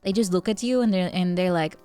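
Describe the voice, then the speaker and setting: A young woman streams and chats casually with her viewers, tipsy from wine, laughing often and thinking aloud with fillers. Her voice is lowish and warm and she talks fast, with faint music in the background.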